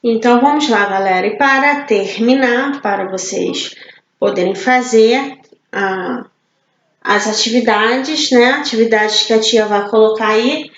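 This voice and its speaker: A woman from Brazil with a high voice teaches children in a slow, patient way, asking questions and then answering them herself. Her voice sounds roomy and a bit dull, like a home recording. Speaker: primary school teacher. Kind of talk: online class for children.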